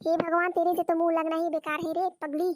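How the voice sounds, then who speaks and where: A woman's voice: very high-pitched, level tone, fairly quick, dry recording, clean studio sound. A woman voicing a nagging, exasperated old mother-in-law in a cartoon story, scolding and repeating herself. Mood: calling out. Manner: scolding, repeats words, calls on God. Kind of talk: Hindi cartoon story voice acting.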